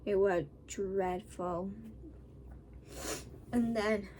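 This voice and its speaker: A woman's voice: medium pitch, fairly even intonation, extremely slow, mellow. A woman with a Northern English accent chatting casually and bluntly, worn out and scratchy-throated after having a wisdom tooth out. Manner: sweary, blunt. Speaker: vlogger. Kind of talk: casual personal storytelling to camera.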